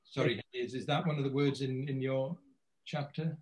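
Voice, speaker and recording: A man's voice: mid-range voice, fairly even intonation, normal speed, a crowd in the background, poor audio. A man speaking as a guest in an academic panel conversation over a video call. He talks hesitantly, with many restarts and repeated words.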